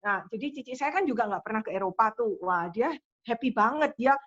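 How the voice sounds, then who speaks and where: A woman giving an online motivational testimony, telling her story in a lively way and acting out her own quoted lines. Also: fairly high pitch, brisk, muffled recording. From Indonesia. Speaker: motivational speaker.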